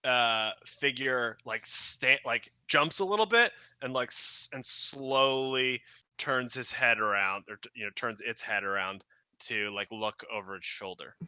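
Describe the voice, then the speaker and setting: A man's voice: mid-range voice, measured pace, pushed and bright, clear, resonant tone, dry recording. A man narrating as game master in a tabletop game, hesitant and full of fillers.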